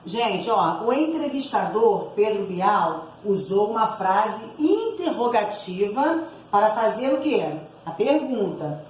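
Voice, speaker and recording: A woman's voice: medium pitch, sing-song, slow pace, a little mellow, echoey room, slight background noise, rough recording. A woman teacher going through exercise answers aloud for her class, explaining each item and often checking in with her listeners. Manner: explanatory, frequent tag words asking for agreement.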